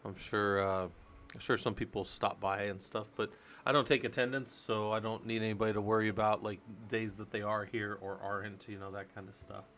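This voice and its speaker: A man's voice: on the low side, level tone, brisk, fairly bright tone, slight background noise. A man hosting a casual live stream, chatting loosely and thinking aloud while he works on a computer. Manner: loose and rambling, thinks aloud, many fillers. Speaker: livestream host.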